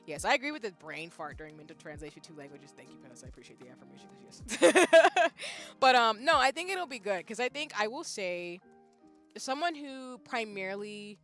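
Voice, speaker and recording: With faint music behind her, a young woman streamer whose first language is English chats casually while reading viewer comments. Her fairly high voice is sing-song and fairly bright at a moderate pace, and she thinks aloud, often restarting.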